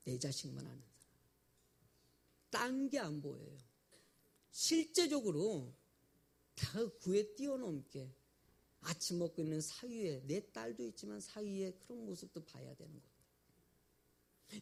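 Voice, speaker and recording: A male pastor delivers an animated sermon and puts questions to his congregation. His voice sits high for a man and swings widely in pitch. There is a gravelly edge to it.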